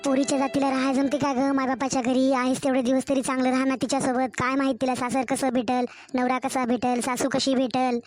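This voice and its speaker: A woman acts out a caring older grandmother in an animated storybook. She speaks with a Marathwada Marathi accent in a slow, heartfelt, gently reproachful way. Her voice is high, with soft music playing faintly behind her. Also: natural voice. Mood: pleading. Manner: tender, pleading, slow and heartfelt.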